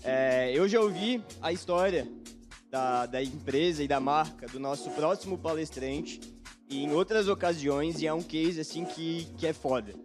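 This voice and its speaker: Higher-pitched Brazilian male event host. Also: unhurried, music in the background. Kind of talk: informal speaker introduction.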